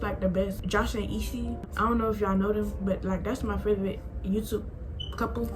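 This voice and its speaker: A woman's voice: medium pitch, poor audio. Young woman, eighteen, casual vlog talk, rambling, music in background. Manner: chatty, rambling, says "like" a lot. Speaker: vlogger.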